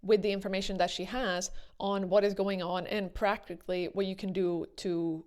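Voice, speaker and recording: A woman speaks in an average-pitched voice, giving casual opinion commentary straight to her viewers. Her manner is earnest and emphatic, and she stresses points by repeating words. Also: level tone, normal speed, a little mellow, clean tone. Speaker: video commentator.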